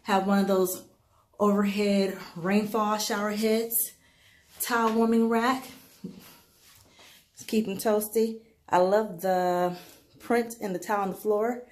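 A woman narrating a casual travel vlog with a handheld camera, chatty and relaxed, moving through a hotel room and city streets. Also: medium pitch, takes it slowly, long pauses. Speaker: vlogger. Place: hotel room, streets and shops, indoors and outdoors.

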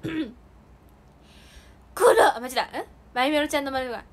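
Bubbly high-voiced young woman livestreaming. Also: steady tone, racing. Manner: bubbly, chatty, giggly, talks to viewers. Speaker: idol livestream host. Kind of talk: casual solo livestream chat. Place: indoors during heavy rain. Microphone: phone or streaming mic.

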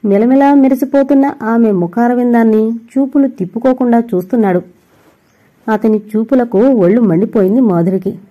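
A woman narrating an audio novel in a steady, scripted storytelling reading. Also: a little high, normal speed, phone-quality sound.

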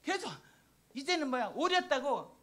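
A woman in her sixties, a missionary preacher giving a sermon testimony in a church, telling her story in an animated, emotional way. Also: high voice, moderate pace. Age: 60s. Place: church sanctuary.

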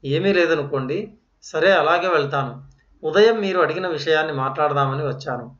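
A man's voice: a little high, normal speed, fairly bright tone, far from the mic, natural voice. A man voicing an earnest, polite young student. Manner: respectful, earnest and restrained. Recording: roomy, dull lo-fi.

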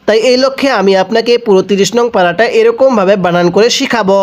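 A man's voice: high voice, fast. A man from Bangladesh teaching the Quran, patiently spelling out syllables one at a time and asking the listener to read along with him. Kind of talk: slow spelling-out recitation lesson.

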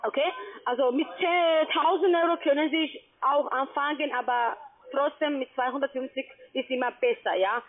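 A woman with a foreign accent, whose first language isn't German, works as a telephone sales agent pushing an investment scheme. She speaks German haltingly in simple phrases, checking back with questions as she goes. The audio is tinny and narrow, recorded over a phone line.

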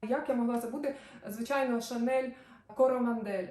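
A woman's voice: a little high, steady tone, fairly quick, a little mellow. A woman vlogging about perfumes, talking to camera in a chatty, enthusiastic way with trailing asides. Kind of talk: casual review chat to camera. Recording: echoey room, distant mic.

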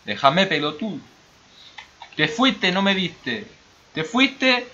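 Man doing a playful Argentine-accented guy, high sing-song voice, teasing, bright tone, dull lo-fi mic. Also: big pitch swings, slow pace, full character voice. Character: mock Argentine guy teasing an old friend.

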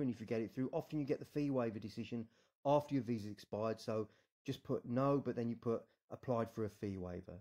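A man's voice: lowish voice, warm tone. A man with a British accent, an immigration adviser casually talking through an online form, reassuring and often adding "yeah?". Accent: British English. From United Kingdom. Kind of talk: screen-recorded tutorial walkthrough.

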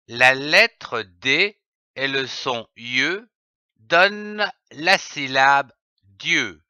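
A man teaching young children to read with phonics, spelling words letter by letter in a very deliberate way. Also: a little high, pushed and bright, clear, resonant tone, no echo. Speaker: reading teacher. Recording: dry, dull lo-fi recording.

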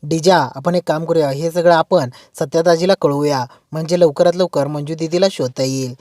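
A woman's voice: deep voice, fairly even intonation, brisk, dark tone, no room sound, clean studio sound, close to an everyday voice. A woman voicing an earnest young woman who reassures her mother. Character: worried young woman, protective younger sister.

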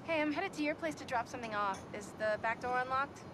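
An actress playing a brisk, caring woman in naturalistic video game dialogue. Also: high voice, music in the background, lightly acted. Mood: friendly, brisk. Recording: game audio with noisy vehicle ambience.

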